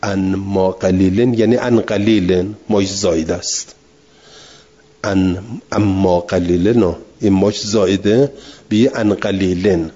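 A man lecturing a class in a low, mellow, slightly husky voice. He reads out a passage and then walks his students through it patiently, repeating the main point. The recording sounds dull and lo-fi. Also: fairly even intonation. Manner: reads text aloud, then explains it patiently with repetition; answers students' questions directly. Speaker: teacher.

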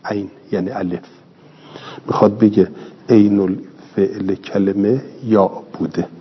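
Low husky man lecturing in a hall. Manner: explains step by step, asks and answers his own questions. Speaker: teacher. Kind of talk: classroom lecture. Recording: dull lo-fi recording in a reverberant hall.

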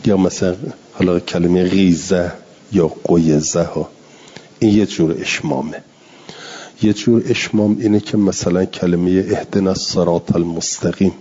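Deep husky man teaching recitation. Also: dark tone. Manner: explains slowly, drawing out Arabic words to demonstrate pronunciation. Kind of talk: classroom lecture on Quran readings. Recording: dull lo-fi recording.

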